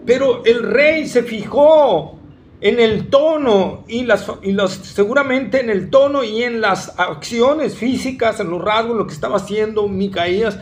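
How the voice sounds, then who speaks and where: A man's voice: very high voice, measured pace, faint music behind. A man preaching a sermon, emphatic and full of rhetorical questions to the congregation.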